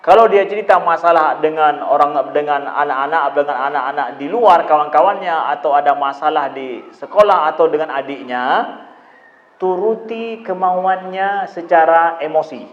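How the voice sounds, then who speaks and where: Preacher with a raised voice. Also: male voice, fairly high pitch, normal speed, reverberant, highs cut off. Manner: repetitive, conversational, asks the audience rhetorical questions. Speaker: Islamic preacher answering parents' questions. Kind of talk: religious lecture on parenting.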